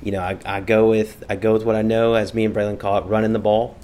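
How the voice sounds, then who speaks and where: Man, podcast co-host, low voice, easygoing casual chat. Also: little pitch movement, quick pace, dark tone.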